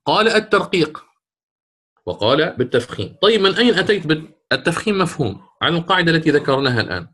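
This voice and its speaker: A man teaching a lesson on Quran recitation rules, asking and answering his own questions and drawing out the recited words slowly. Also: on the high side, big pitch swings, fairly bright tone. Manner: stretches recited words drawn out.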